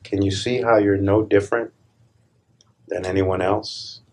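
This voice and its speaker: A spiritual teacher guides a meditation, his fairly low, gravelly, husky voice calm and deliberate. He speaks in short phrases separated by measured pauses.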